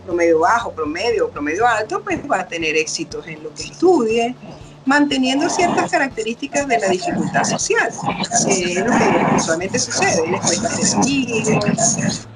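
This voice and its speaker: Over music, a middle-aged woman doctor talks in a slightly high, very animated voice at a moderate pace. As the interview's guest expert, she explains patiently and casually, performing the lines of the parents and children she quotes.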